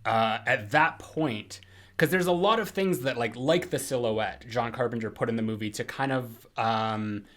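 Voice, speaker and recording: A man's voice: medium pitch, moderate pace, a bit bright. A man co-hosting a podcast, talking through a film in casual chat, rambling with lots of fillers and restarts. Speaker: podcast co-host.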